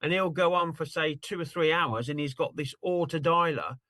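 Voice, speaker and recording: Rambling higher-voiced man on a video call. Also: moderate pace, bright, forceful tone, dry recording. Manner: rambling, apologetic, hunts around on screen while talking. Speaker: attendee demonstrating a tool. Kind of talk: casual screen-share demo on a video call.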